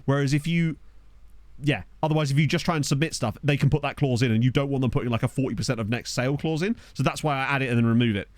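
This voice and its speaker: Streaming a football management game, a man offers casual, rambling commentary, laughing and reacting out loud to the players he comes across. He talks fast at a medium pitch into a desk microphone, with no echo.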